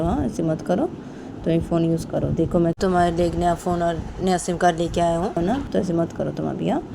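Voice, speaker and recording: Brief: coaxing, apologetic young man, voiced by a woman in her own low voice, noisy recording. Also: gravelly. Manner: soft, coaxing, repetitive.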